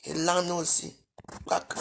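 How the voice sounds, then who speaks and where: A woman, livestreaming from her bedroom on a phone and scolding her viewers, swinging between loud outbursts and low mutters. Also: very animated, a little slow, vocal fry, a little hiss or hum. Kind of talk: live video rant at viewers.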